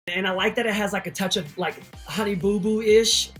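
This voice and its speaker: A man with a Texan accent, a drag queen telling a sassy, animated story and acting out the voices in it. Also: sits high. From Texas.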